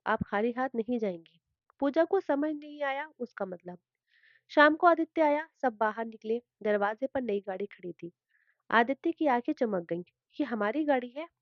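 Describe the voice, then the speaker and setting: A woman's voice: a little high, no echo, lo-fi sound. A woman telling a family drama story as a narrator, reading all the characters' lines in her own voice.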